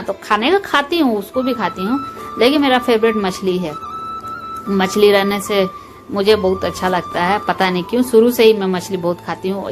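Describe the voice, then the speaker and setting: Chatty home vlogger woman over music. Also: mid-range voice. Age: adult, mother of school-age children. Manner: chatty and homely, talks directly to viewers. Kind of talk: casual chat narrating a cooking routine. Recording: voice under loud background music.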